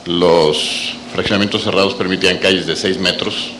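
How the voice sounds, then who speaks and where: Low-voiced Mexican man over background noise. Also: steady tone, normal speed. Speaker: architect, audience member commenting. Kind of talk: spoken comment in a question session. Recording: background noise and room ambience.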